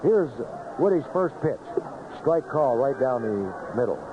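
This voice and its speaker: A man calls live baseball play-by-play on a vintage radio broadcast from an outdoor ballpark booth. His medium-pitched voice is sing-song and unhurried, coming through a muffled recording with background noise.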